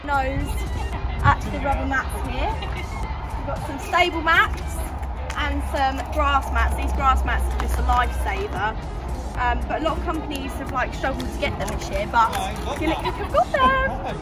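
High-pitched young woman vlogging. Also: moderate pace, a loud crowd. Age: young adult. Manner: playful, chatting to a pony. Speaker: vlog host. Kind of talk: casual vlog chat. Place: large warehouse, partly outdoors. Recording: background music, busy warehouse noise.

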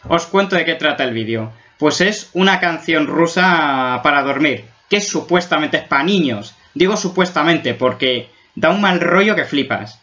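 A man's voice: a little high, bright, forceful tone. A man from Spain doing a casual video reaction, joking and exaggerating as he gets spooked, on a dull lo-fi recording. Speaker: YouTube reactor.

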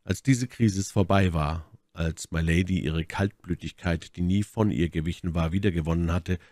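A man reading a classic novel aloud as audiobook narration, in an expressive, theatrical manner. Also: low-pitched, moderate pace, no room sound, clean studio sound. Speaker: audiobook reader.

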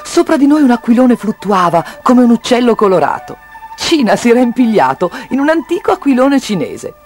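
Lively sing-song storyteller. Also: mid-range voice, brisk, soft background music. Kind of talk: children's story reading.

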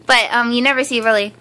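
A woman's voice: high voice, fairly bright tone, rough recording. A woman chatting casually and upbeat in a home haul vlog, giggling often, filmed indoors on a handheld camera. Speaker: vlogger. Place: living room floor, indoors. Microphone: handheld camera filming from above.

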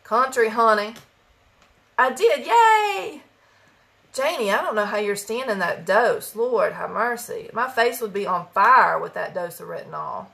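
A woman's voice: medium pitch, lively intonation, moderate pace, vocal fry, hardly any pauses, pushed and bright. A woman from West Virginia with a country accent, chatting casually with viewers during a live makeup stream and greeting them by name. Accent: Appalachian country.

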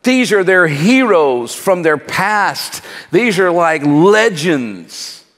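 A man preaching a sermon, asking the crowd rhetorical questions and leaving dramatic pauses. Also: sits high, big pitch swings, a bit bright, in a large hall. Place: church hall.

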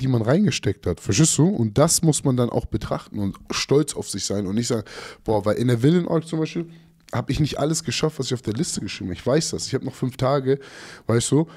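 Blunt scornful man, mellow voice. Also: mid-range voice, slightly rough. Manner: blunt, scornful, keeps asking "weißt du?". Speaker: coach. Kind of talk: casual monologue answering critics.

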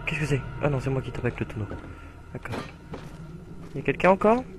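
A young man commentating his horror game play, screaming and swearing in panic, then muttering quietly. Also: mid-range voice, animated, brisk, over music. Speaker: gamer playing horror games.

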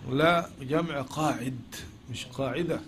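A man's voice: medium pitch, unhurried, fairly bright tone, slight background noise. A man with an Egyptian accent teaching a lecture, often asking questions and then answering them himself. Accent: Egyptian Arabic. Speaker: teacher of logic. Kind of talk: classroom lecture.

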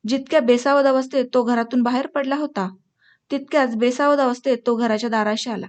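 A woman with a high voice reads a short story aloud for an audiobook channel. Her delivery is measured and expressive, and she turns to her listeners at the close. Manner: measured, expressive reading, addresses listeners at the end. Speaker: audiobook narrator.

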